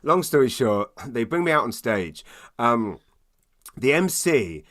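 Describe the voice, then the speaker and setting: A British man with a medium-pitched voice tells a comic story as a stand-up would in casual conversation. He is self-deprecating and animated, often doubling back over his words with stammered repeats. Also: measured pace. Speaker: stand-up comedian, guest.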